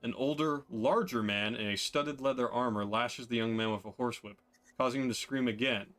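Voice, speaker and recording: A man's voice: medium pitch, a little fast, fairly bright tone. A man narrating a tabletop game as game master in a casual style, with fillers and laughs.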